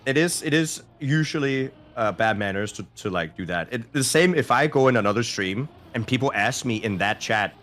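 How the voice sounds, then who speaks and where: A man's voice: medium pitch, moderate pace, few pauses. Laid-back joking male co-streamer. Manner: relaxed, joking and teasing. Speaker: guest co-streamer. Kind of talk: casual live-stream chat.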